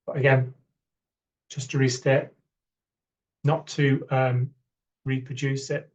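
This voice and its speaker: A man, an academic, presents a funding round in an online information session, talking haltingly with many fillers and repeated words. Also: mid-range voice, flat delivery.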